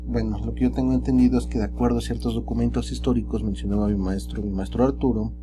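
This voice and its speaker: A man teaching calculus in a relaxed, chatty way, often tagging his sentences with rhetorical questions. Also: medium pitch, fast, noisy background. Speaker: math teacher. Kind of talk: recorded screen lesson.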